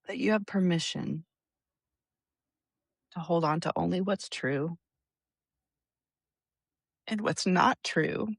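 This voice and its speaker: A woman guest on a faith-based podcast, speaking thoughtfully and haltingly as she searches for words. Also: fairly low pitch, no echo.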